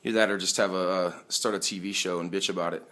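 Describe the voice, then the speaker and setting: A man records his own opinionated commentary. His voice sits on the low side, with a bright, forceful edge that cuts through. The delivery is that of an amateur political video. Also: fairly even intonation, fast talker. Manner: indignant, emphatic.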